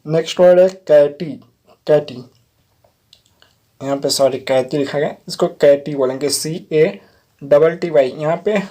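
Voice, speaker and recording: A man's voice: fairly high pitch, a little slow, long pauses, warm tone. A man teaching English vocabulary, spelling each word letter by letter and checking in with "theek hai" as he patiently explains it. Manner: repeats "theek hai" often. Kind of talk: vocabulary lesson.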